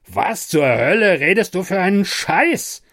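A man's voice: fairly high pitch, measured pace, gravelly, voice pushed up, heavily acted. A man voicing a level-headed male colleague at a power plant in an audiobook horror story. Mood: exasperated. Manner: calm then snapping at his coworker.

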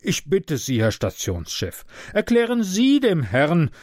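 A man voicing a timid but officious middle-aged male train conductor who speaks stiffly and gives way quickly. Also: on the high side, wildly swooping pitch, a little mellow, dry recording, clean studio sound, pitched above the performer's own voice, full character voice. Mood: appealing.

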